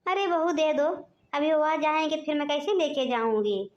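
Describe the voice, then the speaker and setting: A woman's voice: high voice, lively intonation, moderate pace, lo-fi sound. A woman voicing a meek, embarrassed older aunt from the neighborhood, speaking sheepishly and apologetically.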